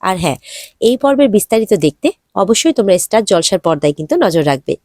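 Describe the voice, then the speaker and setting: A woman's voice: mid-range voice, sing-song, fast, darkish tone, no echo, clean studio sound. A woman narrating an episode recap, retelling the characters' lines with light emotion.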